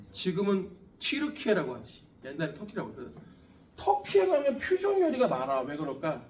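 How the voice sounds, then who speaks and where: A high-pitched man teaches science at a cram school, blunt and profane, throwing jokes and questions at his students. The recording has slight background noise, room echo and a distant mic.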